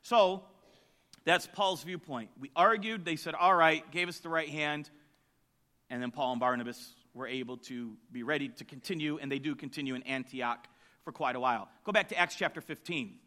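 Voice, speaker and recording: A man teaches scripture in a chatty sermon style. His voice is bright and sits a little high for a man, and he keeps checking in with his listeners. The delivery stays conversational throughout. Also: normal speed. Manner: conversational, asks the audience questions. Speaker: preacher.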